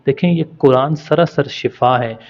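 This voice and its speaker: A man's voice: mid-range voice, unhurried, darkish tone. A man teaching Arabic letter pronunciation in a spoken lesson, patiently stretching out each sound for practice. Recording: dull lo-fi recording.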